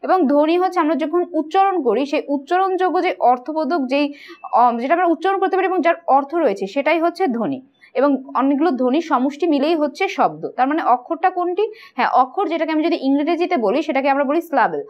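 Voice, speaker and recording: A woman's voice: high voice, animated, fairly quick, muffled recording. A woman teacher patiently explaining quiz answers, asking questions and answering them herself. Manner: patient, asks and answers her own questions.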